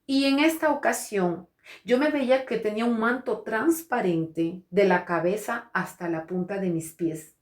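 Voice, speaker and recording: Woman pastor, testimony sermon, middle pitch, halting and repetitive, talks straight to the congregation, echoey room. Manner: hesitant, restarts and repeats words; earnest preaching, addresses listeners directly. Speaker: pastor and prophet. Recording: roomy echo.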